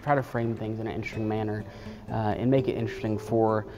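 Low, flat-voiced man, thoughtful. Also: quick pace. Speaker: legislative photographer. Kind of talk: documentary interview. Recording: interview with music underneath.

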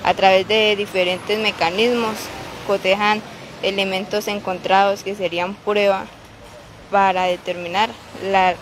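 A woman reporting live from a city street as a local news reporter, pausing often with filler sounds. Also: medium pitch. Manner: halting, many filler "eh"s. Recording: street noise behind the voice. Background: traffic and street noise.

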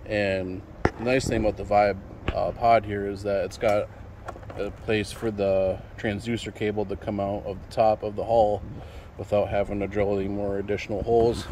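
In this casual how-to vlog, a young man from Michigan shows a fishing build to his phone camera in an apartment parking lot, rambling with plenty of ums and restarts. His fairly low voice barely varies in pitch, moving at a moderate pace, and the phone recording is noisy.

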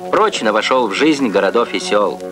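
A man's voice: lowish voice, animated, normal speed, over music. Upbeat man narrating an old newsreel. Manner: upbeat, declamatory announcer delivery. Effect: old newsreel soundtrack. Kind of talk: 1980s Soviet documentary newsreel narration.

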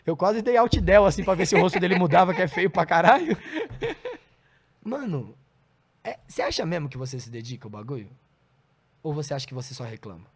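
A man's voice: a little high, big pitch swings, brisk. A man telling blunt, profanity-filled stories in a casual podcast chat. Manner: blunt, profane, heated storytelling. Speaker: comedian guest.

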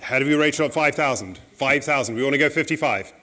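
A middle-aged man working as an auctioneer, calling bids in a saleroom in a brisk, polite, repetitive way. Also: medium pitch, sharp tone.

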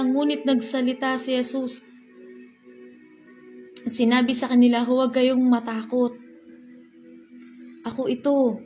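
Woman church worker, earnest sermon, higher voice, music bed under her. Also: low-quality recording. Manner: earnest, repeats reassuring lines, mixes in English phrases. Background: soft music.

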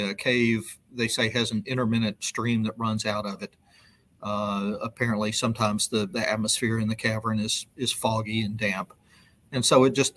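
A middle-aged man, a news reporter, explaining things over a video call in a loose, halting way with many ums and restarts. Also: fairly low pitch, a bit bright. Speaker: news reporter interviewed as guest. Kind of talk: conversational explanation on a live web show. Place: indoor room with brick wall. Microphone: video call webcam.

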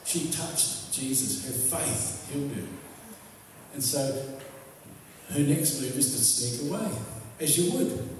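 A man's voice: mid-range voice, takes it slowly, slight background noise. Preacher man in an echoey church hall. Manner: storytelling, retells scenes vividly. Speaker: pastor. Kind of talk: sermon. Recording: echoey hall, distant mic.

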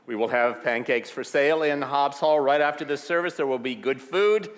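A man leading a church service, reading the announcements and closing with a blessing in a gentle manner with light humor. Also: medium pitch, normal speed. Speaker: minister. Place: large church sanctuary. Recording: long hall reverb.

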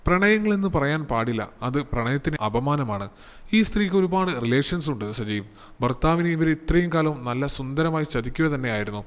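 A man's voice: a little high, lively intonation, a little fast, big-room sound, close to an everyday voice. A man doing a bitter, harsh cyber officer. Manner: harsh, contemptuous.

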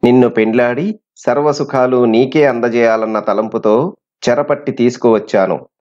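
A man's voice: mid-range voice, moderate pace, a little mellow, close to an everyday voice. A man voicing a cruel, boastful male sorcerer with a threatening, gloating manner, on a dull lo-fi recording. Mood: pleading.

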